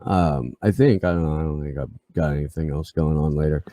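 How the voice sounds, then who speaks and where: A man with a gruff, scruffy voice co-hosting a casual live stream, rambling and swearing, full of fillers and restarts. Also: a bass voice, brisk, dark tone, no echo. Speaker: podcast co-host.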